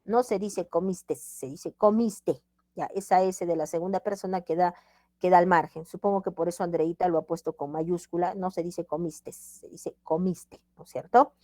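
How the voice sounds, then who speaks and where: A woman's voice: on the low side, steady tone, moderate pace, warm tone, no echo. A woman teacher giving a grammar lesson, emphatic and repeating examples with checks like "ready?". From Peru.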